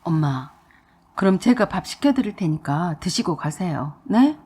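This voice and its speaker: A woman's voice: fairly low pitch, sing-song, measured pace, warm tone, slightly rough, pitched below the performer's own voice, full character voice. A woman voicing a young husband who pleads with his mother, exasperated. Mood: pleading. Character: young husband torn between mother and wife.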